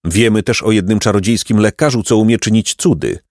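A man's voice: fairly low pitch, brisk, a little mellow, dry recording, studio quality, natural voice. A man voicing a clever, bold boy who speaks firmly and matter-of-factly in a storybook reading. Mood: kindly. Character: clever bold boy, stern but kind.

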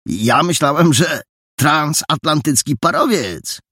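A man voicing a cheeky, talkative teenage boy with a quick, salesman-like patter in an audiobook. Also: fairly high pitch, lively intonation, bright, forceful tone, breathy edge, dry recording, studio quality, voice pushed up, full character voice. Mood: sly, cheerful. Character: cheeky, chatty teenage boy with a knack for business.

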